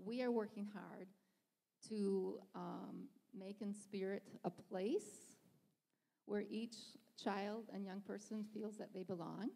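Middle-aged woman with a gravelly voice, giving church announcements. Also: mid-range voice, dark tone. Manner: earnest, hesitant, frequent ums. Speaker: children's ministry leader. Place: church stage, large sanctuary. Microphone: handheld mic. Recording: long hall reverb in a sanctuary.

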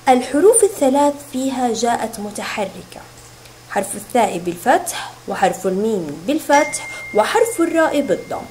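A woman teaching a recorded reading lesson to young children, sounding out syllables slowly and clearly. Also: on the high side, a little mellow, slight background noise, low-quality recording. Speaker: kindergarten teacher.

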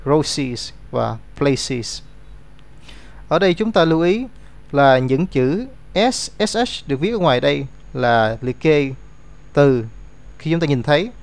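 A man teaching an English grammar lesson, explaining rules step by step and reading out example words. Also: on the high side.

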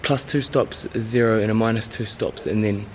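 With a lowish, steady voice at normal speed, a man vlogs about travel photography, talking informally and enthusiastically into a handheld camera at arm's length. He's outdoors and inside large abandoned factory buildings, with slight background noise.

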